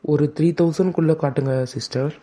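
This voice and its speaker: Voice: medium pitch, steady tone, fairly quick, mellow, natural voice. A voice actor playing a polite male customer in a cartoon shop. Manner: polite requests. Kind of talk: cartoon voice acting.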